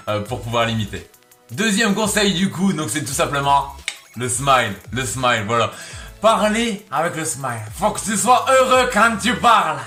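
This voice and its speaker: A man's voice: mid-range voice, sharp tone. A young man hosting a casual impression tutorial, chatty and rambling and making fun of himself. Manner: chatty, rambling, and self-mocking. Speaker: YouTube impressionist. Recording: echoey room, faint background music.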